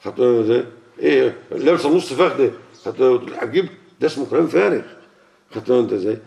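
Medium-pitched, creaky and a little mellow, a man preaches fast with lively intonation and an Egyptian Arabic accent. Addressing a gathering colloquially, he often asks them questions, heard through a muffled, lo-fi recording.

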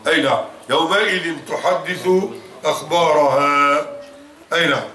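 Man, egyptian accent, preacher, animated and quizzing, high voice, echoey room. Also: moderate pace, recorded from a distance. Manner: animated, mixes classical and colloquial Arabic, quizzes listeners. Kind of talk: mosque sermon with questions to the congregation. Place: large mosque. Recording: roomy, from off mic.

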